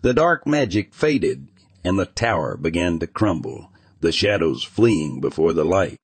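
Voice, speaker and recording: A man narrating a fantasy audiobook in an even, measured reading style. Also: low-pitched, breathy edge, dry recording.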